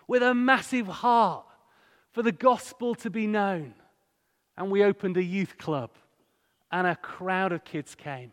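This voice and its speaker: This guest preacher from Hull, England, has a high-pitched, fairly bright voice and a northern English accent. He tells stories and puts conversational questions to the congregation in a sermon-style talk, delivered live in a large church hall whose echo leaves a long reverb.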